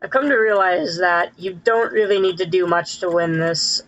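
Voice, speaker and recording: Talking through a live gameplay session, a streamer rambles, corrects themselves, and laughs often, their voice digitally pitched up by a chipmunk-like filter. The pace is moderate, the tone a bit bright, and the sound lo-fi.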